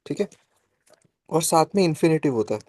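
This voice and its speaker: Teaching a live online French class, this man speaks with a fairly high, animated, darkish voice, mixing Hindi and English. His explanations are slow and patient, punctuated by frequent "ठीक है" check-ins with students, and the recording has no room sound.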